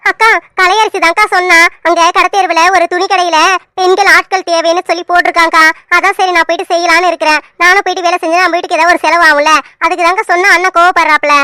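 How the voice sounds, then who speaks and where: Woman doing a patient young cartoon daughter, very high bright voice, fast, dry sound. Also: steady tone, dry recording. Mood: earnest. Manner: patient, explaining, pleading.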